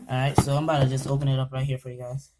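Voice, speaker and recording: Young male vlogger, jittery and chatty, trips over words while setting up a PC; mid pitch. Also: level tone, rapid-fire, heavy background noise. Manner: nervous, rambling, stumbles over words. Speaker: gaming channel host. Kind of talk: casual vlog commentary.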